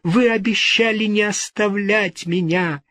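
A man's voice: on the high side, slow pace, dry recording, clean studio sound, voice pushed up. A man voicing a desperate, tearful young woman who pleads and exclaims in a storybook reading. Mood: desperate pleading.

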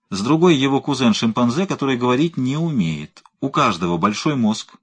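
A man's voice: medium pitch, husky. A man reading the part of a methodical male scientist who explains things patiently, in an audiobook. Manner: methodical, lecturing.

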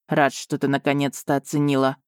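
A woman voicing a smug, teasing young male duke in an audiobook, speaking in a lowered, self-assured drawl. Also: level tone, brisk, clear, resonant tone, dry recording, clean studio sound. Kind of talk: audiobook character voice.

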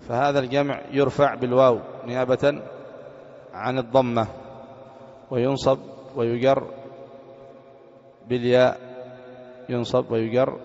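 A man gives a grammar lesson in an even, level voice that barely rises or falls, repeating points and putting questions to his students. The recording is dull and muffled, with a long reverb ringing through a classroom or mosque hall. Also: medium pitch, a little slow, long pauses. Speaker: teacher of Arabic grammar.

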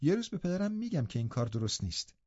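A man voicing an eager, lively teenage girl in an audiobook, with a high girlish put-on voice and an excited, chattering manner. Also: dry recording. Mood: indignant. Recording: dull, dry audiobook recording.

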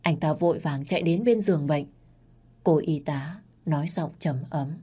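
A woman narrating a dramatic story, reading every part herself and rising loud and high in the quarrels. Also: normal speed, breathy edge. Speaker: storyteller narrating all parts.

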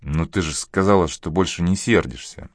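Audiobook figure: tired, jealous young lieutenant, quiet and soft-spoken, voiced by a deep-voiced male reader. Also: normal speed, no echo, clean studio sound, natural voice. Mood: weary, subdued. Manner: subdued, tired, pleading.

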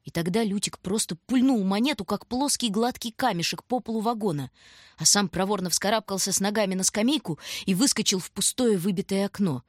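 A woman narrating an audiobook story in a calm, measured way. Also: medium pitch, dry recording, clean studio sound.

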